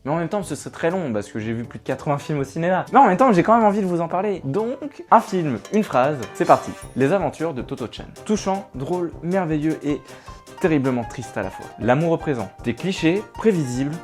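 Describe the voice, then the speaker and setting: A young man giving a rapid-fire comic recap of films, with sarcastic, punchy one-liners. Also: fairly high pitch, expressive, faint music behind. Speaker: film reviewer.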